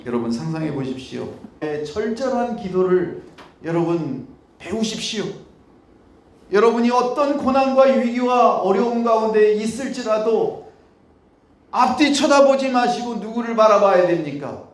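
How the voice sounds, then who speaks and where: A man preaching a sermon as pastor, moving from low, quiet talk to loud pleading cries. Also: lively intonation, a little slow, echoey room. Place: church sanctuary.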